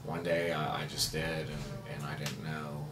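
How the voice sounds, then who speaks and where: A man in his thirties in a documentary interview, telling his story haltingly with many fillers. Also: very deep voice, level tone. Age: 30s. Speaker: recovery center resident. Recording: echoey room with loud music.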